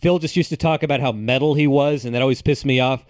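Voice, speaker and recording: Young man, deadpan comedy co-host, mid-pitched voice, dry close sound. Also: quick pace, no echo. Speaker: podcast co-host. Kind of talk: improvised comedy banter.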